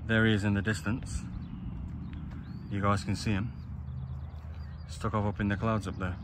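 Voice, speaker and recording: In his thirties, this male vlogger speaks at a normal pace in a fairly low, flat voice, chatting informally and repetitively to his viewers. He's filmed on a phone camera outdoors in open countryside and inside a car, so the recording is noisy.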